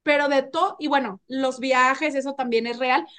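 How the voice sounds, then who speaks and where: Playful high-voiced Mexican woman. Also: fairly even intonation, moderate pace, a bit bright. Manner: playful, candid, laughs often, acts out sultry voices. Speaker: guest, erotic fiction author. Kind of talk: casual podcast conversation.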